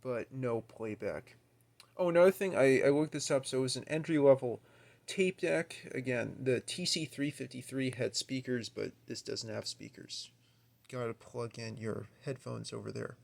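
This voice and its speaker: Speaking at a normal speed, a man with a medium-pitched, somewhat dark voice and noticeable vocal fry walks through an equipment demo. He's an amateur video maker at home in a carpeted indoor room, casual and unscripted, thinking things over aloud with a bit of hesitancy.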